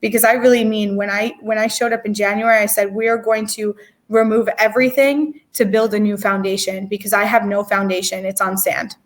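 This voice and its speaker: A woman's voice: mid-range voice, level tone, a little fast. A woman in her twenties, an interview guest telling a personal story in a candid, emotional way, with many fillers and restarts. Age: 20s.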